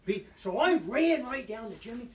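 A man's voice: sits high, very animated, moderate pace, distant mic. A man telling a rambling hunting story, backtracking and restarting as he goes. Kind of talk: casual hunting tale told aloud. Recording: roomy sound from away from the mic.

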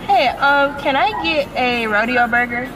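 A woman, ordering food loudly from her car at a drive-through speaker, with hesitant ums. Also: sits high, measured pace, music in the background, rough recording. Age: 20s. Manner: loud, upbeat, hesitant with ums while ordering. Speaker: lifestyle vlogger. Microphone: phone camera inside the car.

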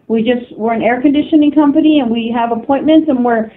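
A woman's voice: a little high, quick pace. A polite, apologetic woman making a customer service phone call. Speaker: appointment caller for air conditioning company. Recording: tinny, band-limited telephone line.

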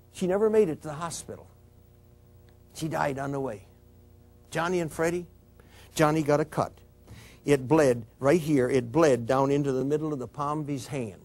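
A police officer giving an emotional talk to an audience, telling a story with repeated restarts and direct appeals to "people". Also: male voice, medium pitch, a little mellow.

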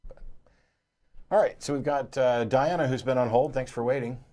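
Seated at a studio desk with a lapel mic, a middle-aged man hosts a call-in show, explaining his points emphatically and gesturing as he talks. His mid-range voice is mellow and fairly even, delivered at a moderate pace.

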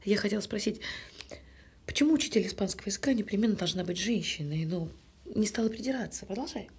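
This actress voices a wounded, sarcastic woman questioning her partner in a naturalistic audio drama. She speaks quickly in a husky, medium-pitched voice with lively intonation, her delivery wry and pointed.

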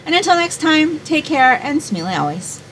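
A woman's voice: high-pitched, sing-song, moderate pace, poor audio. A woman in her forties, from Hawaii, chatting to camera as a home fragrance vlogger in a small room at home, rambling and thinking aloud. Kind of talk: casual chat to camera.

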